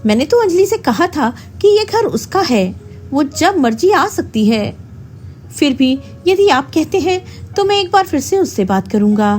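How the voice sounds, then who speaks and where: A woman's voice: sits high, very animated, measured pace, a little mellow, a little hiss or hum, pitched above the performer's own voice. Young husband, read by a woman, earnest. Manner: pleading, earnest.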